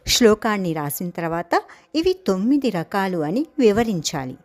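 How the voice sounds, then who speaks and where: A woman giving a dance theory lesson, explaining each term slowly and chanting a verse in a measured way. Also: mid-range voice, lively intonation, darkish tone. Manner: slow, deliberate, stretching and chanting key terms. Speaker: dance teacher.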